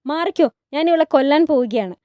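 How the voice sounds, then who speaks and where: An enraged young favourite of a sultan snaps in a sharp, raised voice, put on lightly by a woman narrating a storybook retelling. The voice sits a little high yet mellow. The sound is dry and close. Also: moderate pace, no echo, close to an everyday voice. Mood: furious.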